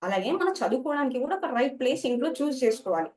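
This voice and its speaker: A woman's voice: high-pitched, big pitch swings, quick pace, a little mellow, distant mic. A woman teacher, explaining study skills to students and mixing English words into her talk.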